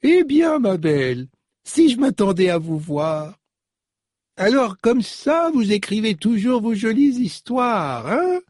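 A man doing a shrill, quavering very old woman. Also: sing-song, takes it slowly, a little mellow, no echo, studio quality, heavily acted. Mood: fussing. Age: 70s to 80s (figure). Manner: high quavering old-lady voice. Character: very old hunched woman, gruff but fond.

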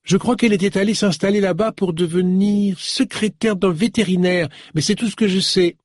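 An obliging young woman, as a man voices her in a storybook, helpful and forthcoming. The voice is lifted high with an animated swing and a dry, close sound. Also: moderate pace, no room sound. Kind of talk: audiobook character voice.

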